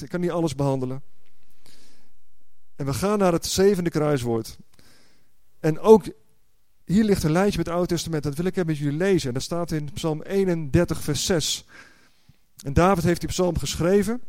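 A man's voice: a little high, darkish tone, no room sound. A man preaching a sermon, explaining word meanings and building to fervent, emphatic exclamations with repeated words.

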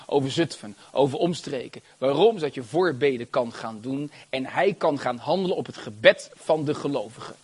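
A man preaching a sermon, animated and exclamatory, with frequent hallelujahs and amens and laughter between phrases. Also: mid-range voice, moderate pace, few pauses, husky.

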